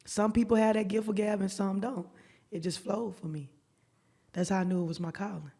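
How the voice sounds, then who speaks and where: Lively storytelling woman. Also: medium pitch, fairly quick. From Alabama, US. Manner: lively storyteller, slangy, acts out dialogue. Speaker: guest private chef. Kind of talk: casual podcast chat.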